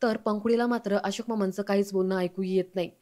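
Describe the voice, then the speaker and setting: A woman's voice: mid-range voice, steady tone, quick pace, warm tone. A woman steadily recounting the episode of a TV serial as a storytelling recap.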